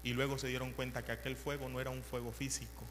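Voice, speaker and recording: A male preacher telling a story in a sermon, animated and repetitive, swinging from hushed to loud. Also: mid-range voice, fast, in a large hall, a little hiss or hum.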